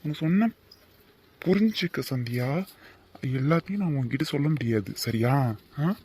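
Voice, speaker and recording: A man's voice: a little high, animated, moderate pace, darkish tone, a little hiss or hum, close to an everyday voice. A man voicing a curt, irritable young man in a cartoon, brusque and dismissive. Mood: irritated. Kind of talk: animated cartoon voice acting.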